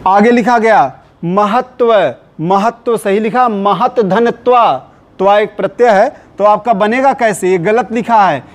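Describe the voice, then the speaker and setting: A man's voice: high voice, measured pace. A man teaching a Hindi spelling lesson for exam prep, quizzing the listener and repeating each correct answer for emphasis. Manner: recites short Urdu couplets between examples.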